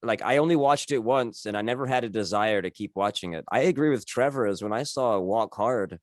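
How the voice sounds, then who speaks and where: A man's voice: on the low side, a little fast, no room sound, studio quality. A man in his thirties hosting a casual interview, rambling and correcting himself as he talks. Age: 30s. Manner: rambling, self-correcting, chuckles while talking. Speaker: podcast host.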